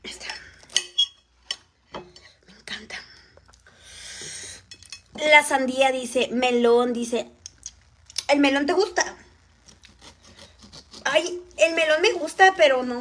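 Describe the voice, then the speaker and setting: A woman's voice: high-pitched, slow pace, pauses often, a little hiss or hum. A woman with a Mexican accent chatting to viewers while eating on a live stream.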